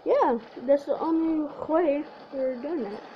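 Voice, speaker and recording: A woman's voice: sits high, takes it slowly. A woman in casual, boastful banter while playing a video game. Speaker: gamer. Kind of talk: casual chat while gaming. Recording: lo-fi with faint noise.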